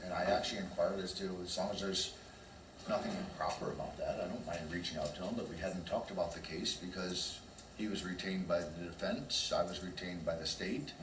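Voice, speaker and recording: A man testifying as an expert witness in court, measured and hesitant with many fillers, in a courtroom recording. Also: low-pitched, steady tone. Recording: distant echoey courtroom mic with noise.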